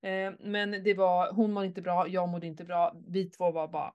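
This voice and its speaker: A middle-aged woman in candid casual chat, telling an emotional personal story with lots of swearing and animated outbursts. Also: lowish voice, clear, resonant tone, muffled recording.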